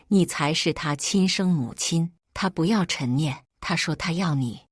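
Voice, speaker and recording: A man's voice: a little high, unhurried, husky, dry recording. A woman voicing a tense ex-husband and father who pleads urgently, in a dry recording. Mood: pleading.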